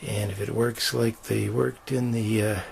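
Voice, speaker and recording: An older man giving a casual do-it-yourself demonstration inside a small greenhouse, talking in an unhurried, folksy way full of fillers. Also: on the low side, flat delivery, vocal fry. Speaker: homesteader showing his build. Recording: noisy camera audio.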